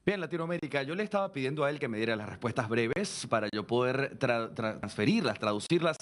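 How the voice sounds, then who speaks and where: A man's voice: medium pitch, lively intonation, a little fast. A man who is a native Spanish speaker, hosting a live news interview, explaining and interpreting for viewers and correcting himself as he goes. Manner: self-correcting, explanatory, addressing viewers directly.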